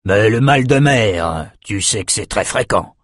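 A man voicing a fierce, brutal warrior king who speaks slowly and gruffly. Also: lowish voice, expressive, fairly bright tone, no echo, studio quality.

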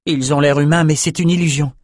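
Audiobook figure: a man as a curious young swordsman. Slightly raised pitch, patient explanations. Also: fairly even intonation, fairly quick, dry recording, clean studio sound, natural voice. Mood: explaining.

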